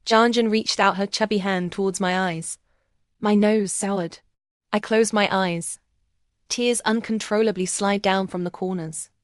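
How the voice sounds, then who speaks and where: Woman, story narrator, first-person reading, subdued, even, medium pitch, dry close recording. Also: unhurried, no room sound.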